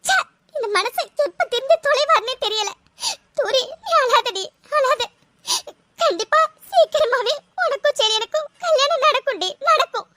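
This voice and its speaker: A woman's voice: very high voice, animated, moderate pace, background noise. A woman voicing a caring mother in a cartoon, who both scolds her husband and comforts her daughter. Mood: comforting. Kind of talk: cartoon voice acting.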